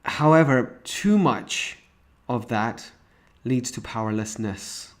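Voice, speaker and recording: A man's voice: medium pitch, expressive, slow pace. A man teaching a recorded parenting course, explaining each point step by step with frequent restarts. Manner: walks through examples and stages step by step.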